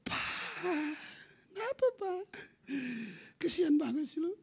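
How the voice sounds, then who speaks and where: A man's voice: extremely high pitch, slow pace, creaky, pitched above the performer's own voice, heavily acted. A man voicing his worried wife, who fusses over her sick husband in a pleading way.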